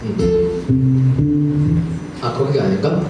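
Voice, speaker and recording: A slightly nervous singer-songwriter in his thirties chats with the crowd between songs during a live set in a small music club. His medium-pitched voice is extremely slow. The recording is echoey, taken from a distant mic with music behind.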